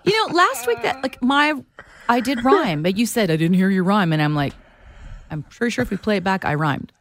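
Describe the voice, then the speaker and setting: A woman's voice: mid-range voice, big pitch swings, brisk, fairly bright tone. A woman co-hosting a casual podcast, playful and teasing, delivering a light rap. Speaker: podcast co-host. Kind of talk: casual podcast chat with freestyle rapping.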